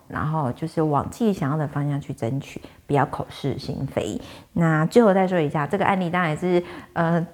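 A woman's voice: deep voice, darkish tone. A woman who works as a fortune teller and medium, telling viewers about a client's case in a chatty, conversational way full of fillers. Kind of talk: storytelling monologue to viewers.

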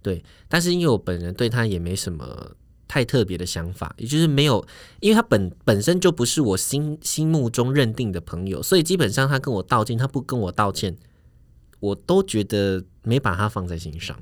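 A young man with a light, thin voice, co-hosting a podcast and chatting quickly and casually. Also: fairly low pitch, sing-song, no room sound. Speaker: podcast co-host. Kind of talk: casual chat.

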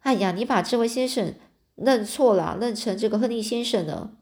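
A woman voicing a smooth-talking, sociable adult male naturalist in a storybook, speaking in a hearty, glib way. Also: fairly high pitch, moderate pace, a little mellow, close to an everyday voice. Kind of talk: storybook reading.

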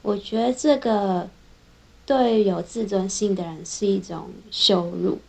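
A young woman engineer, telling her own workplace stories in a casual, chatty vlog, linking her thoughts with a steady run of "and then". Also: mid-range voice, a little slow, gravelly. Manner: chatty, strings thoughts together with frequent "then". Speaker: software engineer. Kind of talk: casual personal vlog storytelling.

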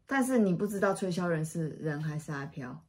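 A woman's voice: fairly low pitch, lively intonation, brisk, a little mellow. A woman hosting a casual chat, keeping a story moving with short interjections and follow-up questions. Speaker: host.

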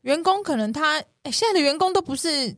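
A middle-aged woman co-hosting a podcast, chatting casually and telling stories with lively acted-out dialogue. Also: high voice, brisk, crowd noise. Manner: lively storytelling, acting out quoted dialogue. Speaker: podcast co-host. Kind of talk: casual chat.

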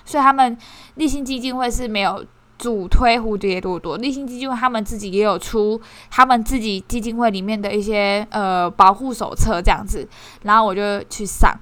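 A woman casually shares her impressions of a course, talking in an animated, self-mocking way with many restarts. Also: mid-range voice, brisk, no echo. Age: 20s. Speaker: course participant sharing reflections. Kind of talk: casual spoken sharing.

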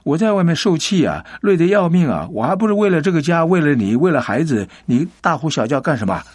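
A man voicing a weary, overworked husband who talks loudly and defensively. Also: medium pitch, sing-song, normal speed, slightly rough, no room sound, clean studio sound. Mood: angry. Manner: loud and defensive.

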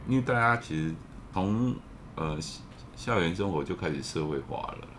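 A man's voice: low voice, expressive, normal speed, a bit bright, slight background noise. A man with a Taiwanese Mandarin accent talking reflectively in a casual discussion. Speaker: podcast panelist.

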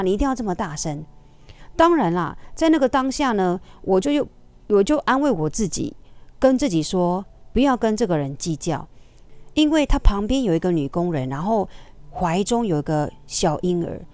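A woman's voice: mid-range voice, warm tone, no echo. A woman, a Zumba instructor telling her viewers a story in a chatty, confiding way, often ending lines with little tag particles.

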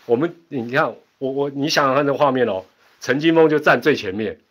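A man's voice: mid-range voice, a little fast, fairly bright tone. A middle-aged man with a Taiwanese accent hosting a casual livestream, chatty and rambling, laughing often between asides. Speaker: livestream host. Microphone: home internet setup.

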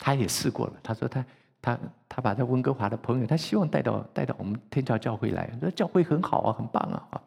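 A man preaching a sermon as pastor, who tells the story in a lively way and acts out its characters in a church sanctuary. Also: medium pitch, fast talker, gravelly, husky. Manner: animated, acts out the story, laughs. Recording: long church reverb.

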